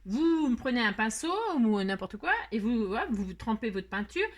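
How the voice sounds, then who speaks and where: Lively chatty Frenchwoman crafting. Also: fairly high pitch, normal speed. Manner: chatty, scatterbrained, laughs at herself; sings playfully while working. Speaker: craft tutorial host. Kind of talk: casual craft tutorial.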